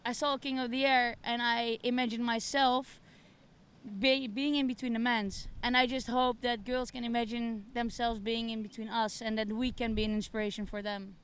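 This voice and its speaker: A woman's voice: fairly high pitch, level tone, moderate pace, smooth. A young woman competitor giving a post-event interview on an outdoor stage at night, talking hesitantly with many fillers and restarts. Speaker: kiteboarding competitor.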